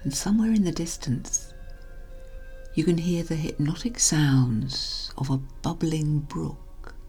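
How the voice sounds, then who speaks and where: A woman hypnotherapist leads a guided relaxation in a low, unhurried voice. Her delivery is hushed and soothing, with a breathy softness that slips toward whispering. Faint music plays behind her.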